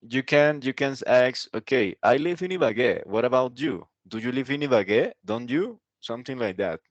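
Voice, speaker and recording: A male English teacher walks his students through their mistakes, patient and gentle. His voice sits in a mid range and sounds dry, distant and a little muffled, like a video call. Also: medium pitch, very animated, moderate pace, dry recording. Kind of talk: guiding students in an online class.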